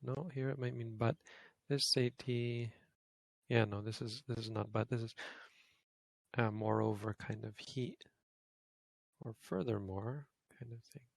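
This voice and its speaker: A Buddhist monk teaching Pali walks a study group through grammar, relaxed and thinking aloud, frequently pausing to correct himself. His mid-pitched voice has a gravelly edge and comes across a little slow. The sound is close and dry, with no echo or sense of a room.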